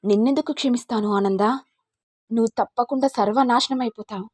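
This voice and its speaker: An alarmed elder sister who fires anxious questions, as a woman reading a story puts her on. Her voice sits high and mellow, with a husky edge. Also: brisk, no echo, studio quality. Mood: angry. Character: alarmed older elder sister, demanding answers.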